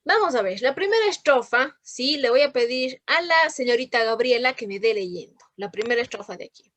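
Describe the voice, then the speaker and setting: A woman's voice: a little high, lively intonation, brisk, fairly bright tone, no room sound. A woman teaching a literature class over a video call, patient and asking questions often. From Ecuador. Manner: patient, checks in with frequent questions. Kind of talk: online class lesson.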